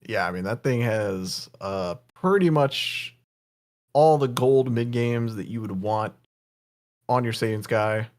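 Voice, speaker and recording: A man giving relaxed, analytical color commentary on a game tournament. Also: medium pitch, slow. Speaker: co-caster analyst.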